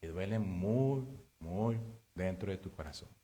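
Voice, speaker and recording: A man preaching a sermon, moving between loud emphatic passages and hushed confessional storytelling. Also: low voice, animated, a little slow. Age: adult father of three.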